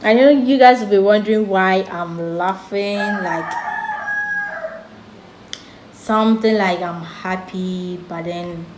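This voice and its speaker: A young woman with a Ghanaian English accent tells a storytime vlog, talking slowly and unhurriedly. She is chatty and lighthearted even about serious matters. Her voice echoes in the room, with faint noise behind her. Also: mid-range voice. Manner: slow, chatty, jokes and laughs about serious things. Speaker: vlogger.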